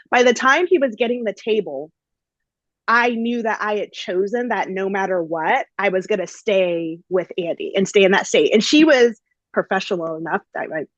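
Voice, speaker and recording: A woman's voice: mid-range voice, no echo, highs cut off. A woman hosting a podcast, telling a story in a casual, chatty way with lots of fillers. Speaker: podcast host.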